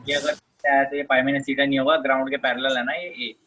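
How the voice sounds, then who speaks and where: A man's voice: mid-range voice, little pitch movement, fairly quick, pushed and bright, muffled recording. A man teaching physics in a classroom lecture, explaining step by step and often checking that students follow.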